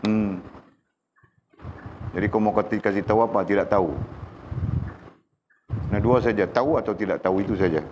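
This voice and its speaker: A man's voice: lowish voice, steady tone, normal speed, long pauses, highs cut off, noisy background. A man teaching a religious lesson, sternly prodding his students to recite. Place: classroom.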